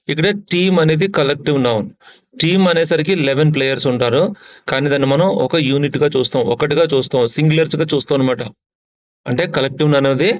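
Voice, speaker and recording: A man teaching English vocabulary, reading example sentences slowly and explaining them in a brisker manner. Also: a little high, highs cut off. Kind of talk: vocabulary lesson.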